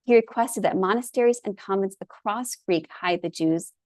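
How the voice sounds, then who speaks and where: A woman's voice: mid-range voice, normal speed, darkish tone, no echo. A woman presenter telling stories in a lecture, earnest and openly enthusiastic about the people she describes. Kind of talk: storytelling lecture.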